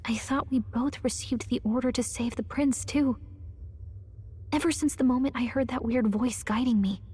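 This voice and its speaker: An actress playing a small, earnest fairy companion in a fantasy game, hesitant and wondering, with a breathy voice. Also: female voice, on the high side, steady tone, normal speed, darkish tone. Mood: puzzled, wistful.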